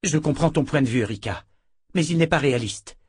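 A man's voice: a little high, expressive, brisk, slightly rough, dry recording, studio quality, voice pushed up. A man voicing a proud, commanding woman leader who speaks firmly and with authority. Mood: stern. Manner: authoritative, firm.

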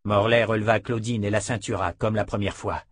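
A man reading a novel aloud in a steady, measured narration. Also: on the low side, dry recording, clean studio sound. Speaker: audiobook narrator. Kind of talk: scripted narration.

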